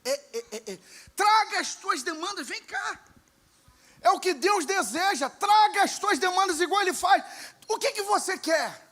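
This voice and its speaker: A Brazilian man preaching a fervent sermon as pastor, moving from quiet talk to shouted calls to the congregation. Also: extremely high pitch, expressive, measured pace. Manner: calls out to the congregation with "irmãos" and "glória".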